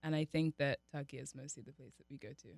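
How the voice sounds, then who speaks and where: A young woman from Nigeria, chatting as a podcast guest in a relaxed way with lots of fillers. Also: a bass voice, fast talker, vocal fry, no echo. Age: young adult. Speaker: podcast guest, college athlete. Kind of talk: casual interview chat.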